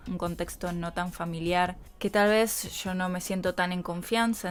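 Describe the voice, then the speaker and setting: A woman with an Argentine accent, a voice coach hosting a reflective solo podcast, talking conversationally and often checking in with her listeners. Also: on the low side. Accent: Argentine Spanish. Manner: conversational, frequent tag questions to listeners.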